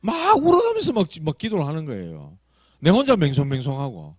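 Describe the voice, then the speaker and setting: A male pastor with a Gyeongsang accent preaching a sermon, telling stories that swing from loud emphasis to hushed asides. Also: on the high side, huge pitch swings, brisk, dry recording. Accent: Gyeongsang Korean. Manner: acts out quoted prayers and tongues.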